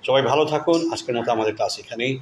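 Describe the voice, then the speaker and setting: A male English teacher with a mid-range voice races through a classroom lesson, drilling a class of children and praising and prompting their answers. The room is echoey with faint ambient noise.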